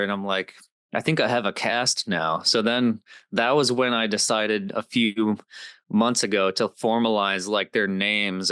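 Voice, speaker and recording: Young man, guest on a chat show, filler-heavy rambling, forceful bright tone, smooth crisp voice. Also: fairly low pitch, no echo. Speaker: guest, comedy content creator. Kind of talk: casual interview chat.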